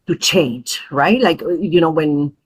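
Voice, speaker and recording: This woman, raised in Peru, is a mother and parent advocate guesting on a podcast interview. Her low, slightly rough voice carries earnest, reflective speech full of pauses and fillers.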